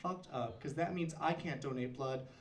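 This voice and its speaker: Young male comic, campy and punchy, slightly high voice, distant roomy club mic with loud background noise. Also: moderate pace. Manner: campy, self-mocking, punchy delivery. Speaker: stand-up comedian. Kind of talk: stand-up set. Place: comedy club. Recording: roomy club sound from far off. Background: audience laughter.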